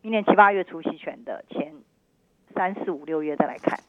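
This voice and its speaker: A woman's voice: sits low, brisk, background noise. A middle-aged woman with a Taiwanese Mandarin accent, an investment analyst giving emphatic, cautioning market commentary as a radio guest over a phone line. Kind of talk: live market commentary interview. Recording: narrow tinny phone line.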